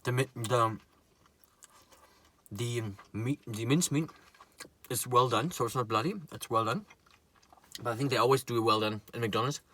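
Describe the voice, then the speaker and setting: A mukbang vlogger with a bright, medium-pitched male voice chats casually to his viewers while eating. He talks between bites, with murmured "mm"s and pauses.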